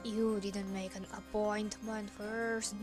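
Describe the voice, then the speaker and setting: A woman voicing a gruff, brooding male prosecutor in a video game, speaking slowly and sternly in a lowered voice. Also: little pitch movement, music in the background, close to an everyday voice. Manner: slow, low and stern.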